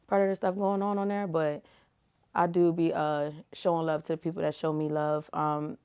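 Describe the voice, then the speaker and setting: A woman's voice: low voice, level tone, normal speed, clear, resonant tone, lo-fi sound. A young woman giving casual, slangy answers as an interview guest, laid-back and full of "like" and "you feel me". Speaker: rapper and reality TV personality, guest.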